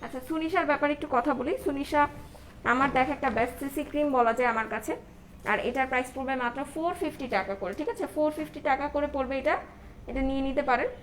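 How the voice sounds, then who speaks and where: A woman's voice: high-pitched, a little fast. A woman with a Bangladeshi accent hosts a casual live beauty sales chat, answering viewers and mixing in English words, her voice slightly muffled by a face mask. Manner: code-switches into English words and often adds check-in tags. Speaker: live-selling beauty product host. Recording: noticeable background noise.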